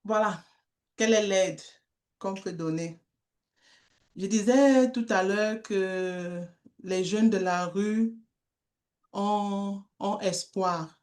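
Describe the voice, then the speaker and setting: Middle-aged woman slowly telling her story, stops and repeats words, average pitch. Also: darkish tone. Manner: slow, halting, with repeated words. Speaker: guest speaker, street-children worker. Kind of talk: storytelling testimony.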